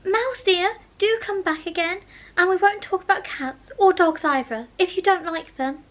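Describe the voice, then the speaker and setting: A woman voices a curious, well-mannered young girl who chatters eagerly, her voice high and bright with tidy, proper politeness. She's expressive and coaxing at a moderate pace, though the recording's highs are cut off.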